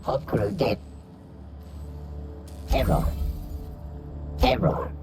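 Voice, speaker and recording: A broken-down security computer stutters through glitching error messages, clipping words midway in a slow, halting delivery. Its pitch jumps and swings widely between fragments. Game music plays behind it. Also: very animated. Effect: glitching, stuttering machine voice. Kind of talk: video game voice acting.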